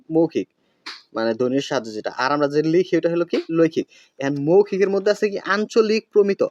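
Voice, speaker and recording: A man's voice: fairly high pitch, a little mellow, no room sound, highs cut off. A man teaching a school grammar lesson. He asks questions and answers them himself, with many fillers.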